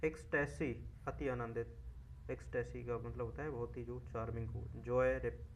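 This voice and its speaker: A man with an Indian accent reading English vocabulary lists slowly and explaining the words in quick Hindi asides. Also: medium pitch, steady tone, a little hiss or hum, poor audio. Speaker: exam vocabulary teacher.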